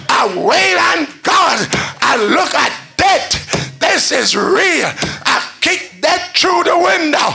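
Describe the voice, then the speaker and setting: An older man preaching at a church pulpit, chanting and shouting in a sing-song call-and-response style. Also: very high-pitched, gravelly. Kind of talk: chanted Pentecostal sermon. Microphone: pulpit stand mic.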